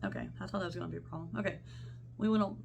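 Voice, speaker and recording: In a casual show-and-tell vlog, a young woman rambles about her cross-stitch projects, cutting herself off as she goes. Her lowish, darkish voice is congested from a sinus infection, creaky and fairly even in intonation, and she talks at a racing pace over a faint hiss or hum.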